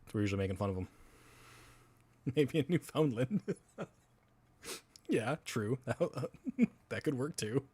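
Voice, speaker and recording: A man's voice: medium pitch, expressive, slow pace, long pauses, darkish tone, breathy edge, dry recording. Laughing Wisconsin streamer man, dry sound. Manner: rambling, laughs often, swears casually. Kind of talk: casual live-stream chat.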